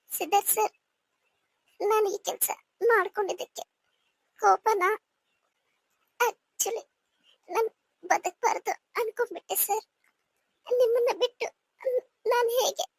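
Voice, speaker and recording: A woman's voice: very high-pitched, little pitch movement, slow, creaky, long pauses, a bit bright, no room sound, heavily acted, rough recording. A woman voicing a weak young wife in a cartoon, crying and speaking in broken phrases. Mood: tearful. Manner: faint, broken speech. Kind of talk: cartoon voice acting.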